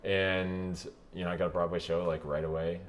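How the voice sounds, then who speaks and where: Very deep-voiced man chatting casually. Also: normal speed, slight background noise. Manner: relaxed, rambling, with frequent "like" and laughs. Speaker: opera singer guest. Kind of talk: casual interview chat.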